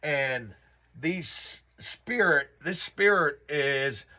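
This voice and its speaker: A man telling a personal spiritual story in a halting, rambling way with many restarts. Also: on the high side, animated, bright, forceful tone.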